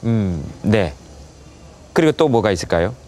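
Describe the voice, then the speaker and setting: A man's voice: on the low side, big pitch swings, unhurried, darkish tone. A man hosting a live broadcast interview in a conversational, teasing, jocular way. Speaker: talk show host.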